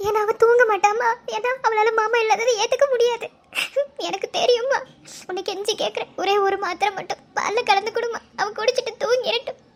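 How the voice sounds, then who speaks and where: A woman's voice: very high voice, steady tone, moderate pace. A woman voicing a caring young female college friend in a cartoon drama, coaxing and begging.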